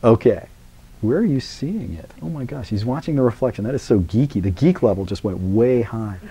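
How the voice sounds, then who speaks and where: Animated and brisk, a middle-aged man opens a live university class by introducing a guest speaker. His mid-range voice is mellow with a slight roughness, and his rambling, chatty remarks are full of fillers and jokes at his own expense.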